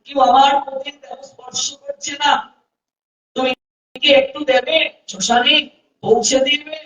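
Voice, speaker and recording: A man's voice: extremely high pitch, steady tone, unhurried, a bit bright. A man voicing a grieving widow who pleads for help, heard from a distance in a dull, echoey recording. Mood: plaintive.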